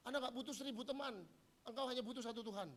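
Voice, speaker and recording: This middle-aged pastor delivers a funny sermon, acting out bits of dialogue as he goes. He speaks very fast with an extremely high, somewhat bright pitch.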